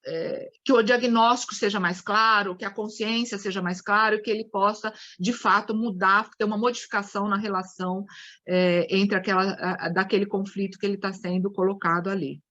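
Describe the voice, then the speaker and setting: A woman's voice: mid-range voice, steady tone, a little fast, fairly bright tone, muffled recording. A Brazilian woman lecturing a study group on psychodrama, explaining with acted-out examples and frequent restarts. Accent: Brazilian Portuguese.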